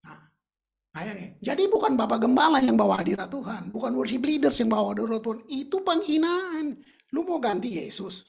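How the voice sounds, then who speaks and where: A woman's voice: fairly high pitch, lively intonation, fairly quick, gravelly, a little mellow. A woman preaching a sermon in a colloquial, emphatic way, with English phrases mixed in.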